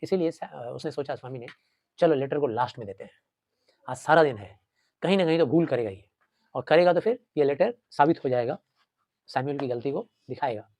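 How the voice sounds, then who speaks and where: A man's voice: mid-range voice, fairly quick, a little mellow, no room sound. Man teaching a story, dry close sound. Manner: explains line by line, repeats and asks questions. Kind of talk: story lesson mixing Hindi and English.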